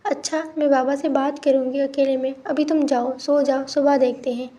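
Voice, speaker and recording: A loving mother and wife speaking in a soft, coaxing way, voiced by a woman reading a novel. The voice is high and warm, and the intonation stays even. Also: moderate pace, close to an everyday voice. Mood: gentle.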